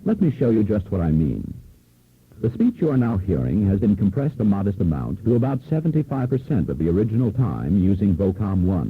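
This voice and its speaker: A man's voice: lowish voice, slightly rough, narrow, tinny audio. A man giving scripted promotional narration for a product demo, heard from an old, worn cassette tape copy from the early 1970s.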